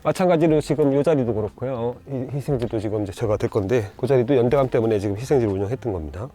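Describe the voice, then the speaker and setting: A man explaining bonsai pruning in a casual, halting way, full of fillers and restarts while he points things out, with soft music under his voice. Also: medium pitch. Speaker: bonsai grower. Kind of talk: casual instructional demonstration.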